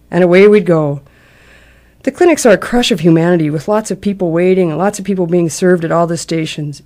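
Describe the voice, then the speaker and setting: Mellow, low-voiced woman narrating for public radio. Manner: measured, reflective public radio storyteller delivery. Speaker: essayist reading a personal travel account.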